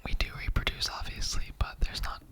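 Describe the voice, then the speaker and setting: In a whispered ASMR roleplay, a performer plays a laid-back skeleton who's a little offended and talks in a rambling, slangy, chatty way. The delivery runs a little fast.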